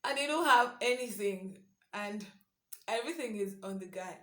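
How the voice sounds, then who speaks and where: A woman's voice: medium pitch, animated, normal speed, bright, forceful tone. Earnest young woman in a roomy space. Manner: earnest and conversational, thinking aloud. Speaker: devotional speaker. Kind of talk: casual devotional reflection. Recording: roomy echo.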